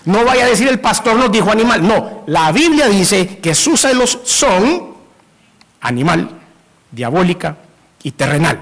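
A male pastor preaching a sermon in an animated way, acting out jealous couples in quick asides. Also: sits high.

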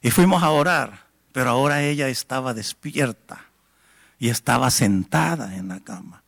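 A man preaching, telling a testimony in a dramatic storyteller's way that swells to near-shouts. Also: medium pitch, lively intonation, normal speed, creaky. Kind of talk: sermon testimony.

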